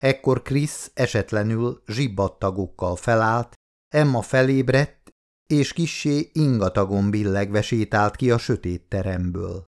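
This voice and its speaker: A man narrating an audiobook in a calm, measured reading voice. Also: lowish voice. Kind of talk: scripted narration.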